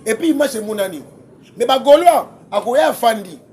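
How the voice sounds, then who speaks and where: A man, debating music as a guest commentator, excitable and quick to laugh, often repeating his words. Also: extremely high pitch, a little hiss or hum. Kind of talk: heated casual debate.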